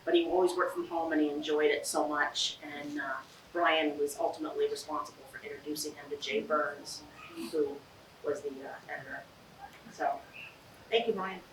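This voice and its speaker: A woman's voice: sits low, steady tone, moderate pace, echoey room, far from the mic, noisy background. A woman adding remarks about her father at a memorial, searching for words with fillers. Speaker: family member at memorial.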